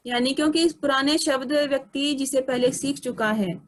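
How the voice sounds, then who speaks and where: A woman with a fairly high voice gives a lesson. She talks slowly and deliberately, listing one example after another so each point lands. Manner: slow, deliberate explaining with lists of examples. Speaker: teacher. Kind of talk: explanatory lecture.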